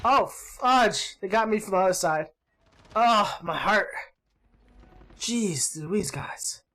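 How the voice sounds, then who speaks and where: A man hosting his gaming channel, giving excitable gameplay commentary, yelping and groaning at the action and swapping in mild words for swearing. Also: high voice, takes it slowly. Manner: excitable, yelps and groans at the game.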